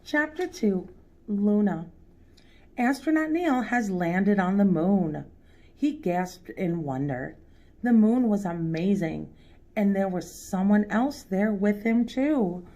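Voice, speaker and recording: A woman with a mid-range, expressive, mellow voice reads a children's picture book aloud for storytime, talking directly to young listeners and pausing to ask them questions. The recording has a lo-fi sound.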